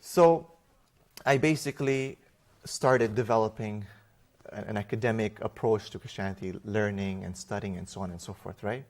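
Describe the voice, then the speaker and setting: A man who grew up in Romania, a guest in an interview, telling his personal faith story in an animated way with fillers and restarts. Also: lowish voice, moderate pace. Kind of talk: conversational personal testimony.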